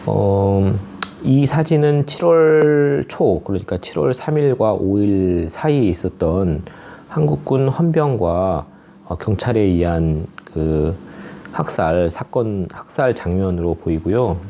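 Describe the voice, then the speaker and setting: A man, a researcher, explaining historical photos in a steady, explanatory way with hesitant fillers. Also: on the low side, slow pace, lo-fi sound. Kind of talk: expert explanation.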